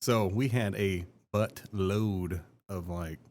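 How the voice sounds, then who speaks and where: A man with a Texan accent speaks in a fairly low voice. He co-hosts a casual podcast and cracks goofy jokes. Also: slow pace, darkish tone. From Texas. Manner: joking, goofy. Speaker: podcast co-host. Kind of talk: casual chat.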